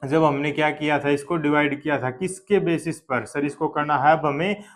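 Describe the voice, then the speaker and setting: A man's voice: fairly high pitch, fairly even intonation, normal speed. A man in teaching a math lesson, posing questions and answering them himself as his students, often repeating key terms and praising with "very good". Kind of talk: exam-prep math lesson.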